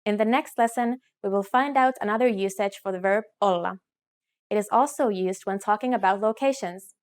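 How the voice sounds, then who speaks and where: A woman narrating a scripted language lesson in a clear, measured teaching delivery, slowing down to model phrases. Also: mid-range voice.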